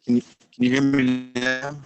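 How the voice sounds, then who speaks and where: A man's voice: medium pitch, monotone, normal speed, clean tone, soft background music. A man speaking at a court hearing over a video call that keeps dropping out, breaking up his words as he keeps asking whether he can be heard.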